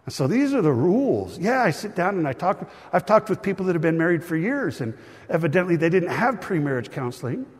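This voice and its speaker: A male pastor preaches to his congregation, lively and teasing as he talks. His voice sits a bit high and has a husky grain. The sound carries a long reverb from a large hall. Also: brisk. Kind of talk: sermon.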